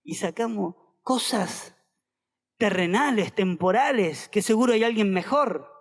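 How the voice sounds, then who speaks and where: High-voiced Argentine pastor preaching. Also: male voice, expressive, unhurried. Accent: Argentine Spanish. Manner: emphatic, repetitive preaching that calls the congregation to repeat phrases. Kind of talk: sermon. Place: auditorium. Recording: long reverb of a large hall.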